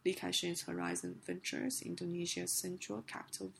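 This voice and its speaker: A woman hosting a business news podcast, reading a script haltingly in a rough, gravelly, hoarse voice. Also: lowish voice, level tone, a bit bright, slight background noise. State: hoarse with a sick, coughing voice.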